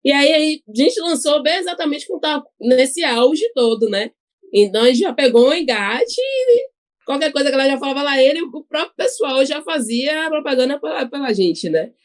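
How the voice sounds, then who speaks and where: A woman's voice: sits high, expressive, moderate pace. A woman with a Bahian accent, a podcast guest talking casually, laughing often and tagging sentences with questions. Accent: Bahian Portuguese. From Bahia, Brazil. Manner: chatty, laughs often, frequent tag questions. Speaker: podcast guest, cachaça ambassador. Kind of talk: casual chat.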